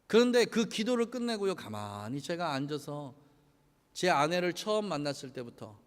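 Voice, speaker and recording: A male pastor preaching with a high, strongly rising and falling voice, asking his congregation question after question. His sermon rings out in a church hall with a long reverb tail. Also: sing-song, moderate pace. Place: church sanctuary.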